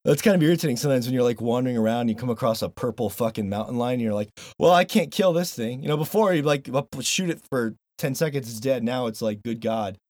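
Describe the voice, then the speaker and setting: Recorded dry, a man with a medium-pitched voice talks quickly with few pauses while hosting a casual podcast. His chat is animated and sprinkled with swearing, and he reads out a sponsor plug.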